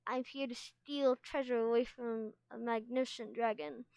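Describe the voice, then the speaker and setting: A boisterous young male dragon, played by a woman, squeaking as a cheeky pretend scavenger. The voice is high, clear and teasing. He is all playful mischief in a storybook scene. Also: fairly even intonation, moderate pace, darkish tone, no echo, low-quality recording.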